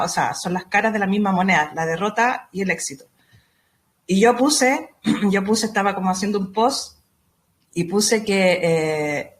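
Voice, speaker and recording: A woman, a guest giving parenting advice in a casual conversation, earnest and repeating words for emphasis. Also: medium pitch. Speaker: astrology guest.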